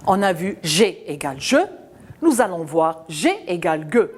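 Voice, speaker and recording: A woman teaching a children's phonics lesson, patient and questioning, spelling out letters and sounds slowly. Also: fairly low pitch, expressive, a little hiss or hum.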